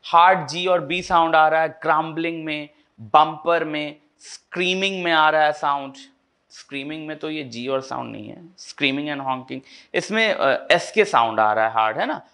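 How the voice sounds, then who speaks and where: A man teaching literature, reading definitions slowly and explaining them in Hindi with frequent check-ins. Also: a little high, bright, forceful tone. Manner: reads English definitions slowly, then explains quickly in Hindi with frequent "ठीक है?". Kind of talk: Hindi-English classroom explanation.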